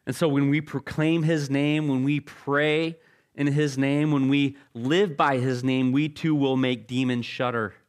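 A man's voice: medium pitch, fairly even intonation, a little slow, clear, resonant tone. A middle-aged male pastor preaching a sermon in a casual, conversational way, joking about himself and often repeating words as he restarts phrases. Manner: casual, conversational preaching with self-deprecating humor.

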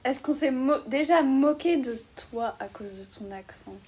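A woman's voice: sits high, expressive, normal speed, a little mellow. A woman interviewer putting casual questions to a guest.

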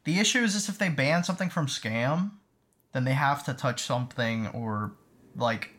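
A podcast co-host chatting casually, reading out results in a relaxed way. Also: mid-range voice, moderate pace. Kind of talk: casual chat.

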